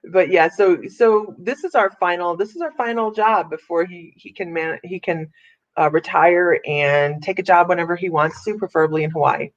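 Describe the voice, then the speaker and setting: A woman's voice: fairly low pitch, moderate pace. A middle-aged woman from Ohio hosting a psychic livestream, chatting casually in a rambling way and laughing often. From Ohio, USA. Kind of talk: casual live chat. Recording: dull lo-fi livestream audio.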